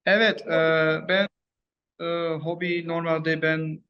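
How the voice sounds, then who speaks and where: Slow, halting American man speaking broken learner Turkish. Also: on the high side, flat delivery, dull audio. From United States. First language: English. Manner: halting, broken learner Turkish with simple phrases and long hesitations. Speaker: language learner being interviewed. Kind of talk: casual language-practice conversation.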